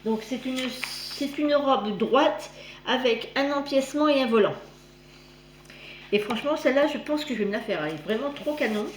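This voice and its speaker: A woman's voice: high voice, lively intonation, moderate pace. A woman with a slight lisp on her s sounds, chatting casually as she hosts a magazine review vlog. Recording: roomy echo, clear background noise.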